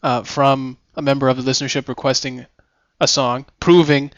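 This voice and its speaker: A man's voice: medium pitch, flat delivery, normal speed, no echo, dull audio. A man co-hosting a casual podcast-style radio show, talking in a laid-back, rambling, joking way.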